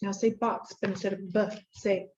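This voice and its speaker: A woman's voice: medium pitch, steady tone, moderate pace, a little mellow, roomy sound, muffled recording, slight background noise. A woman tutoring a student one-on-one in a phonics lesson, giving short, patient drill prompts. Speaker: reading tutor.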